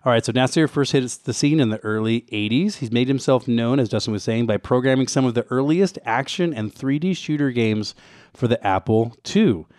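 A man's voice: medium pitch, a little fast, darkish tone, no room sound, studio quality. A man co-hosting a casual retro gaming podcast, presenting background notes with wry, joking asides. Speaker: co-host giving game background.

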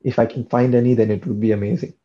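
A young man from India, a PhD student whose first language is Tamil, chats casually about his studies as a guest in an interview. His voice is mid-range and level, he talks fast, and he often repeats words while thinking. The recording sounds lo-fi.

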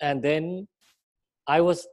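A man's voice: measured pace, darkish tone. A middle-aged man from Thailand, telling his story as an interview guest in a reflective, conversational way. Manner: reflective, recounts with quoted inner thoughts.

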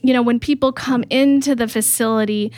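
A woman hosts an interview podcast with eager enthusiasm, talking chattily and filling pauses with ums and you-knows. Her voice sits on the higher side. The sound is close and dry. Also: fairly even intonation, a little mellow, no echo. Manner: enthusiastic, chatty, frequent fillers. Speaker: podcast host.

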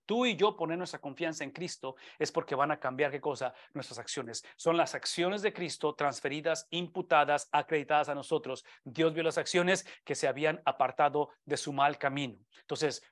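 A middle-aged man preaching a sermon as pastor, emphatic, repeating phrases for stress and swinging between loud and hushed. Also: fairly high pitch.

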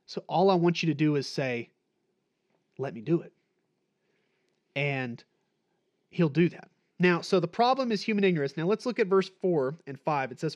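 A man preaching with a fairly high voice, talking to the congregation as if in conversation. He throws out rhetorical questions and acts out short quoted lines. The recording sounds dull and lo-fi. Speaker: pastor. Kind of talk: sermon.

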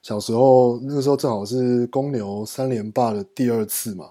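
A man's voice: mid-range voice, fairly even intonation, normal speed, warm tone, soft background music. A man from Taiwan with a Taiwanese Mandarin accent, chatting casually with friends as a guest. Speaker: podcast guest.

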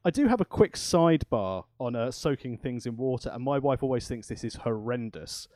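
A man's voice: medium pitch, animated, moderate pace, dark tone, no echo. A man co-hosting a cooking podcast in a chatty, rambling way with self-deprecating asides. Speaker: podcast co-host. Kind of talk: casual chat.

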